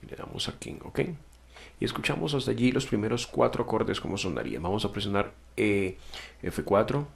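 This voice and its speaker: Gravelly low-voiced man teaching software. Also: animated, brisk, a little hiss or hum. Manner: patient step-by-step explaining, frequent self-corrections and "ok?" check-ins. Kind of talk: screen-recorded software tutorial.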